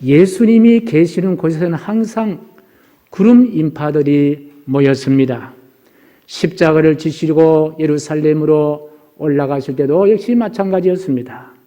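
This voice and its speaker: Male pastor, middle-aged, earnest sermon delivery, mellow tone, long church reverb. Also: a little high, moderate pace. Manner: earnest preaching, opens with recited verse. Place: church sanctuary.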